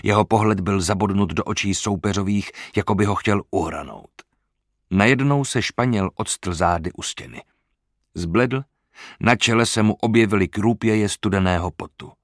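Male audiobook narrator, low voice, steady and dramatic, dry close recording. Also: no echo. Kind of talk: scripted narration.

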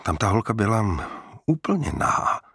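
A bold young woman sleuth with quick, sarcastic comebacks, as a man voices her in an audiobook. The voice sits raised above a deep, gravelly, husky base. It is recorded close and dry. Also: sing-song, a bit bright, dry recording, full character voice. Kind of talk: audiobook character reading.

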